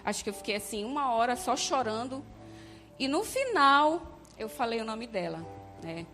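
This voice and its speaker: A woman's voice: on the high side, expressive, normal speed, sharp tone. A woman giving a heartfelt personal faith testimony, hesitant and often checking in with her listeners. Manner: heartfelt, hesitant, frequent "né?" tags. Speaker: church member giving testimony. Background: faint music.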